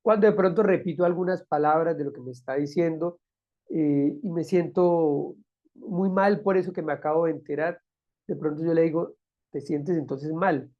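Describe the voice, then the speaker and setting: A man's voice: fairly high pitch, moderate pace, muffled recording. A man teaching a recorded lecture, explaining patiently and repeating key phrases. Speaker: instructor.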